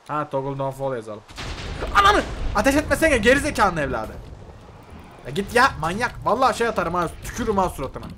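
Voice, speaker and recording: A young man giving loud, excitable gameplay commentary, swearing and yelling at the mobs on screen. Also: a little high, noisy background. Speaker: gaming YouTuber. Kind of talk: Minecraft mod review commentary.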